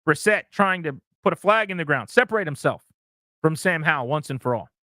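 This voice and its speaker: A man's voice: a little high, animated, a little fast, pushed and bright, dry recording. A man hosting sports talk radio, giving opinionated commentary and talking straight to his listeners from a studio.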